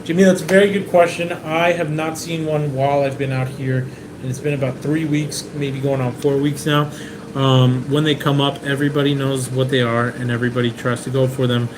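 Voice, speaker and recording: Speaking a little fast at medium pitch, a man from Venezuela runs a live question-and-answer stream indoors in his rented apartment. He's a car importer, relaxed and chatty, reading out comments from viewers with plenty of "um"s and false starts, while room noise and an AC hum are clearly audible.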